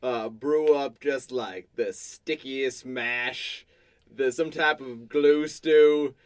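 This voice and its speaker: A man's voice: medium pitch, smooth. A man playing a tabletop game, joking as he talks. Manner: slow, joking. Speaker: player. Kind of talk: casual tabletop play.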